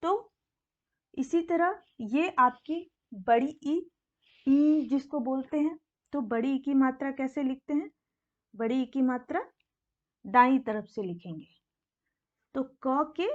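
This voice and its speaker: A woman's voice: sits high, dull audio. A woman teaching a basic language lesson, patiently repeating each sound and asking questions she then answers herself. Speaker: Hindi teacher. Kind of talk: slow explanatory lesson.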